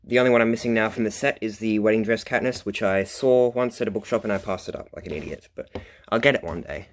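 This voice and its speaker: Low-voiced young man, top ten countdown. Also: quick pace. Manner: chatty, self-deprecating asides. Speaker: collector, video host.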